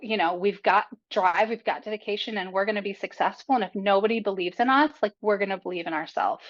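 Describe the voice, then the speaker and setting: A young adult woman with a medium-pitched voice talks quickly as a podcast guest. The interview is candid and casual: she's chatty, uses plenty of fillers, swears, and is open about her life, while the recording sounds dull and lo-fi.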